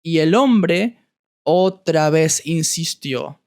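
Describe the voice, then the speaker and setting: A man with an Argentine accent, a Spanish teacher telling a story slowly for learners, repeating words as he searches for them. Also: a little high, animated, darkish tone. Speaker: Spanish teacher and podcast host. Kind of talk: slow storytelling for language learners.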